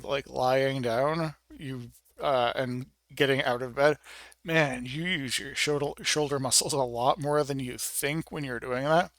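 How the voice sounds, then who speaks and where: A man giving a casual, rambling personal update in an informal, wryly understated way, with halting, hesitant phrasing. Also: medium pitch, fairly bright tone, dry recording. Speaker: video blogger.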